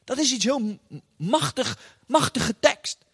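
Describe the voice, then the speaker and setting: With a very high, husky, slightly bright voice and a Dutch accent, a man preaches an animated sermon slowly in a church hall with long reverb. His style is chatty and informal, full of filler sounds and little tag questions.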